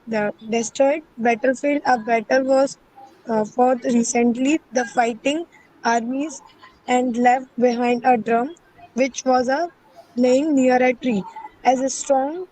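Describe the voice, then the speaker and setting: A woman's voice: high voice, darkish tone, no room sound, poor audio. A female student reading a story aloud, hesitantly and stumbling over words. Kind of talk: halting read-aloud of a story.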